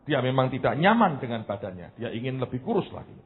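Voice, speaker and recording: A man in his forties preaching a sermon as a pastor, animated and conversational, dropping English phrases in, swinging between loud emphasis and soft asides. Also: mid-range voice, quick pace. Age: 40s. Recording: tinny phone-like sound with faint noise.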